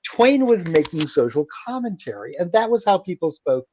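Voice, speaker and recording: A man's voice: high voice, normal speed, lo-fi sound, a little hiss or hum. A man who is a guest author in a radio interview, talking animatedly and acting out the voices of people he quotes. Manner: animated, acts out quoted voices while telling stories.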